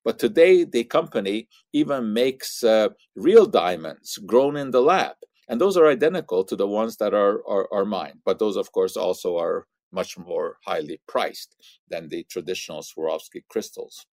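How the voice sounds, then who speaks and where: An older man giving an educational science talk in an explaining manner, pausing on "uh" and repeating words. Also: fairly low pitch, lively intonation, darkish tone, dry recording, clean studio sound. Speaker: science commentator. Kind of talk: educational monologue.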